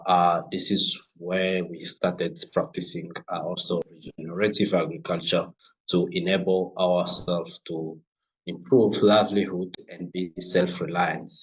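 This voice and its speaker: Deep-voiced young Congolese man, halting. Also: low-quality recording. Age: young adult. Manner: halting, many fillers and restarts. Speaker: guest, refugee-led organization founder. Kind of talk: interview conversation.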